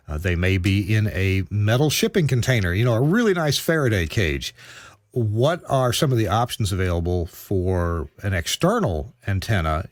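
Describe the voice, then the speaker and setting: A man's voice: on the low side, no room sound. Male interviewer, dry close recording. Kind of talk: measured conversational interview.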